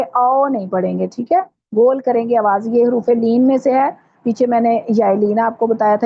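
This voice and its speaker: A woman teaching a recitation class online, explaining patiently step by step and slowing right down to model each sound. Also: mid-range voice, gravelly, breathy edge. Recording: dull lo-fi audio.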